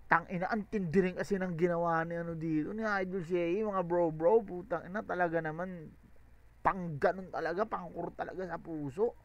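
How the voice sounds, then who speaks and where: A man hosting a music reaction video, talking casually, exclaiming and cursing, then musing in halting, restarting sentences. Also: sits high, dry recording, muffled recording. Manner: excitable, exclaiming and swearing, then hesitant and halting when musing.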